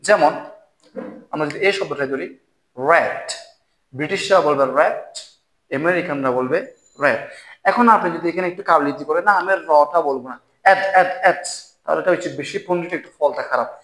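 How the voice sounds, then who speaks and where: A man teaching English pronunciation to Bengali speakers. He explains clearly and encouragingly and repeats each example word slowly three times for viewers to repeat. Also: fairly high pitch, a bit bright. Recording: echoey room.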